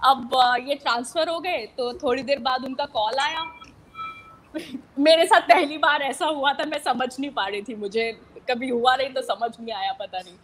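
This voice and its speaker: High-voiced young woman telling her story. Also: normal speed. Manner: animated, mixes English into Hindi, acts out quoted callers. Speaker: interviewee recounting a fraud. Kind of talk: casual storytelling interview.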